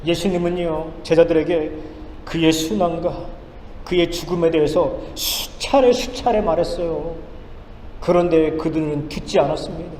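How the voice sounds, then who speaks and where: A male pastor preaching a sermon, firing off rhetorical questions and swinging between loud and hushed lines. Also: fairly high pitch, moderate pace, a little hiss or hum. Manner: emphatic, rhetorical questions, dramatic swings in loudness. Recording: echoey church hall with faint ambience.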